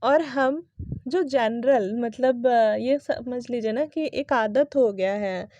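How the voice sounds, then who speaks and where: A woman's voice: on the high side, takes it slowly, darkish tone, lo-fi sound, slight background noise. Woman teaching English pronunciation. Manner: explains patiently, spells words letter by letter, often asks "right?". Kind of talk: casual classroom explanation.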